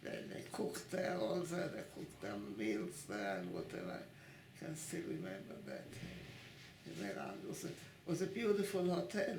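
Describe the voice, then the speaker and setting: An elderly woman in her nineties with a gravelly, creaky voice, speaking haltingly in an oral history interview. She stumbles through many repeated restarts while she hunts for words. The recording has a roomy echo from her home. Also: extremely low pitch, sing-song, background noise. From born in Italy, raised in Italy and Switzerland. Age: 90s.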